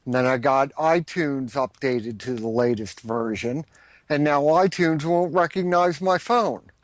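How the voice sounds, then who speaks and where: A man's voice: fairly high pitch, measured pace. A man joining a casual chat from afar as a guest, dry and matter-of-fact as he recounts things. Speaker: remote guest.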